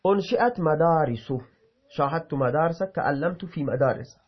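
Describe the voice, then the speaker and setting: There's a little hiss or hum over the dull, lo-fi recording of this man teaching Arabic grammar. His slightly high voice reads examples aloud and explains them, occasionally halting mid-word to correct himself.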